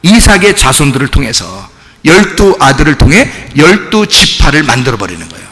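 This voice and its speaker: A pastor preaching a sermon, telling the story animatedly and asking the congregation questions. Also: male voice, fairly high pitch, sing-song, fairly quick, a bit bright. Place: church sanctuary. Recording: echoey church hall.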